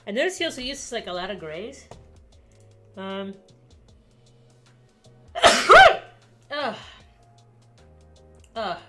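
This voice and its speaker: Slow, low-voiced woman muttering while drawing. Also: sharp tone. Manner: self-deprecating, muttering to herself. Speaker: artist. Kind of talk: casual art-process commentary.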